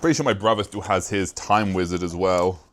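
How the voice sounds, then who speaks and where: A man's voice: deep voice, a little fast, slight background noise. A young British man talking casually to the camera in a vlog, rambling and self-mocking, with casual swearing. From Britain. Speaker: YouTuber.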